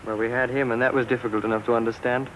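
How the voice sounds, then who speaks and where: An actor playing a steady young castaway father, plain-spoken and reassuring in 1940s film style. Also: mid-range voice, racing, natural voice. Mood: teasing. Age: young adult. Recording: distant, hissy old film soundtrack.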